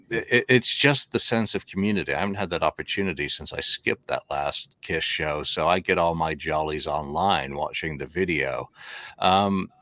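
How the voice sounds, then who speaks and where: Deep-voiced man, opinionated. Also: sharp tone. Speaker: podcast panelist. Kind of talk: casual chat.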